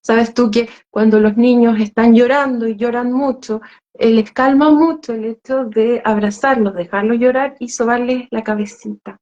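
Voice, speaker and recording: A woman's voice: a little high, fairly even intonation, normal speed, darkish tone, muffled recording. A woman co-hosting a conversation, explaining earnestly.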